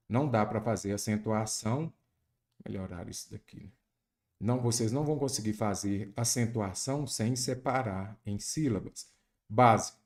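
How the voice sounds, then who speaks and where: A man's voice: medium pitch, a little mellow. A man from Brazil teaching grammar in an exam prep lesson, emphatic, quizzing the viewer as he goes. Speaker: Portuguese teacher.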